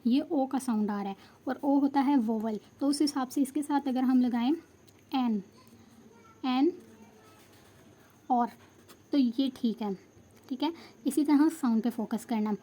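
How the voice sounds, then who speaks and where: A woman's voice: sits high, normal speed, dark tone. A woman teaching English grammar, explaining step by step in a patient way and stopping to check that students follow. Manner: patient, checks understanding, mixes Hindi and English. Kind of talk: explanatory lesson.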